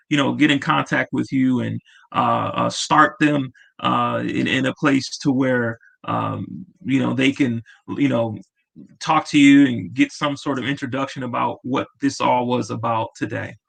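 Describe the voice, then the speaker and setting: A man's voice: mid-range voice, gravelly, a bit bright. A man hosting an interview, asking long rambling questions with many fillers and restarts. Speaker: host. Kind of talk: casual interview.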